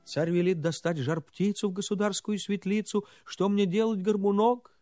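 A man's voice: sits high, fairly even intonation, normal speed, dark tone, no echo, clean studio sound, faint music behind, close to an everyday voice. A man voicing a simple young peasant lad who pleads and protests in a raised voice. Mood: despairing.

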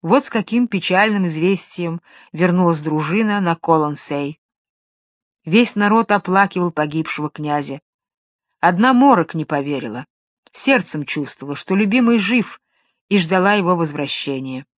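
A woman narrating a fairy tale in a calm, measured storytelling voice. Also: on the low side, no room sound, clean studio sound.

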